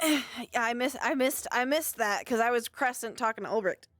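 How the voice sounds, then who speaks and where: A bubbly, giggly woman with a Southern lilt, her voice sitting fairly high. She chats casually, with a dry, close sound and faint music underneath. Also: lively intonation, normal speed, a bit bright, dry recording. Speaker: streamer. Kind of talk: casual out-of-character chat.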